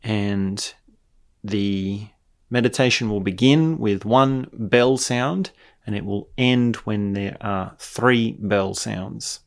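A man speaking as a meditation teacher, giving calm, deliberate guided instruction. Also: on the low side, creaky. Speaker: meditation teacher introducing own course. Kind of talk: guided meditation and spoken introduction.

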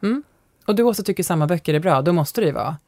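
A woman's voice: fairly low pitch, expressive, darkish tone, no echo, clean studio sound. A woman hosting an interview, asking questions with a curious manner. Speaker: host.

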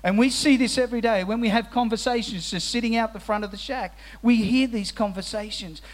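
High-voiced man preaching earnestly. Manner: earnest, repeats words as he restarts phrases; drops to slow, soft tones on solemn phrases. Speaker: pastor. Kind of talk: sermon. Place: church hall with musicians present.

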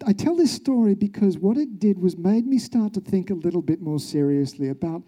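A man's voice: sits high, expressive, fairly quick, dark tone. An Australian journalist, a man, telling his own story in an earnest, reflective way, with rhetorical questions. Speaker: journalist, speaker. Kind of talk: recounted personal story, public talk.

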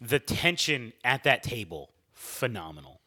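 Bright-voiced, upbeat male podcast host. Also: mid-range voice, very animated, unhurried, breathy edge. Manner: upbeat, talkative, laughs often. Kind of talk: casual podcast chat.

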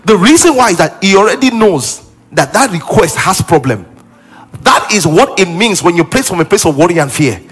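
A man's voice: sits high, sing-song, moderate pace, breathy edge. A male pastor preaching a sermon with emphasis, repeating key lines and acting out what people say.

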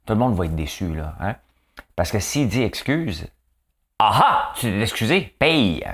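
Man, Quebec French accent, nasal, low voice, animated pitch, chatty joking host. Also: a little slow, slightly rough. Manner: chatty, joking, fills talk with "hein". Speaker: show host. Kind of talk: casual commentary monologue.

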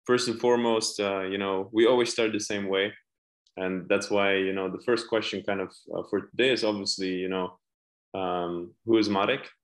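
Male podcast host, somewhat low voice, loose filler-laden interviewer, echoey room. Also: steady tone, normal speed. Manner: rambling questions full of fillers. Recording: roomy echo.

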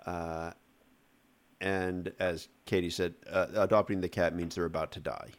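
A man's voice: low-pitched, level tone, unhurried. A man hosting a film review podcast, joking casually and steering the discussion. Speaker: podcast host.

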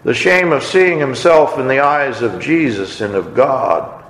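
A man's voice: mid-range voice, a little slow, fairly bright tone. A man preaching a sermon, retelling a story and briefly acting out the characters' lines with expression. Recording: echoey hall.

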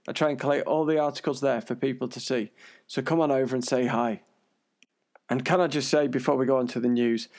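A man's voice: mid-range voice, creaky, darkish tone. An unwell British man hosting a podcast in a chatty, earnest monologue, his breathing audibly wheezy. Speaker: podcast host.

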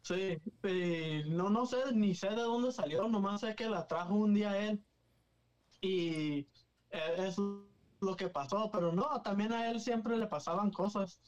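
A man's voice: sits high, measured pace, highs cut off, faint music behind. A man, a guest telling stories casually in a mix of Spanish and English. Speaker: guest paranormal investigator. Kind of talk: casual bilingual storytelling.

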